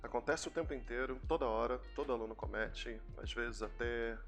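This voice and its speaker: A man's voice: medium pitch, fairly quick, faint music behind. A young Brazilian man with a Brazilian Portuguese accent, giving a chatty English lesson and explaining pronunciation with repeated examples. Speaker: English teacher. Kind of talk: casual YouTube English lesson.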